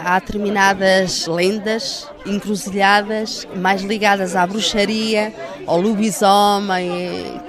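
An interviewee with a European Portuguese accent, explaining things in an interview. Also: medium pitch.

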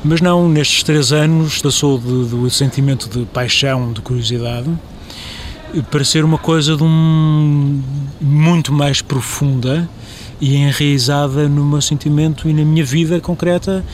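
A man's voice: a little high, fairly even intonation, measured pace, slight background noise. Man in his forties searching for words. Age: 40s. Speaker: interviewee, visual artist. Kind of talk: interview talk.

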